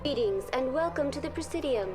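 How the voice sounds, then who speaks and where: A woman voicing a polite virtual intelligence tour guide in a video game, speaking with a too smooth, even, android-like delivery. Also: sits high, a little fast. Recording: game audio under clear background music.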